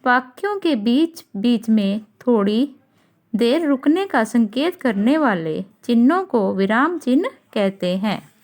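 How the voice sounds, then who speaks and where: A woman teacher giving an online grammar lesson to children, explaining slowly and deliberately. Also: fairly high pitch, big pitch swings, darkish tone. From India. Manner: slow, deliberate classroom explanation. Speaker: school teacher.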